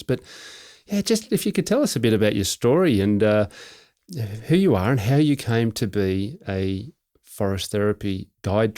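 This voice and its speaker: A middle-aged man, hosting a podcast interview in a relaxed way, often repeating words and restarting. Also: fairly low pitch. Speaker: podcast host. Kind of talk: conversational interview.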